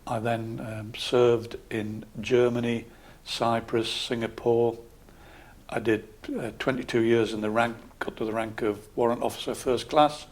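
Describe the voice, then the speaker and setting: A local councillor in his sixties, from Scotland but raised around Newcastle, answers interview questions calmly in a Geordie accent. His mid-range voice stays measured and matter-of-fact.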